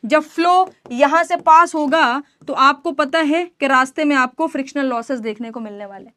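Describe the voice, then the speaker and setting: A woman's voice: high voice, normal speed, pushed and bright, dry recording, studio quality. A woman lecturing on engineering in a classroom style, asking her class questions and answering them herself, with teasing asides to her students. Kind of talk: classroom lecture mixing Hindi and English terms.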